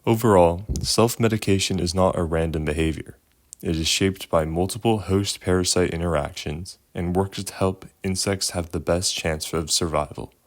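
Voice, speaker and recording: A man co-presenting scripted educational narration in a measured, expository manner. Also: low voice, fairly even intonation.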